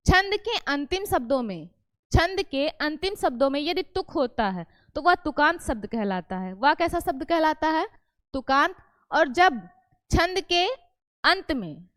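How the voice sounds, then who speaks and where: High-voiced woman teacher drilling a class. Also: a bit bright, dry recording. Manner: repeats each point and asks the class questions back; self-correcting, explains patiently. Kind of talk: classroom lesson on Hindi poetry meter.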